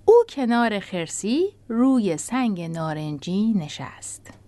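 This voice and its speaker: A woman tells a children's story aloud in a gentle, expressive manner. Her pitch sits in the middle of her range and moves in lively swings, sometimes dropping to a whisper. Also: dry recording. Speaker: narrator.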